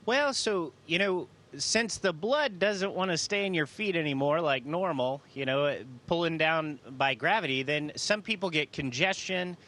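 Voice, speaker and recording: A man with a fairly high, bright voice talks as an astronaut taking questions from students. He is casual and folksy, explaining things with open enthusiasm. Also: normal speed, hardly any pauses.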